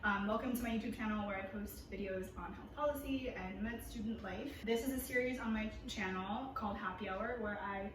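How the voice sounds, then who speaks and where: A woman in her twenties hosting a casual chat with friends, bubbly and quick to laugh, talking with lots of fillers. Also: medium pitch. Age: 20s. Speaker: host. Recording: echoey room, mic far off, noisy.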